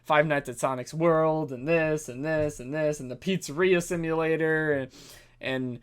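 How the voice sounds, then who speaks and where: Young man, gaming commentary, slightly high voice, excited, rambling, lots of fillers. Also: normal speed, clear, resonant tone. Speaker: gaming YouTuber. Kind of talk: casual commentary after a game run.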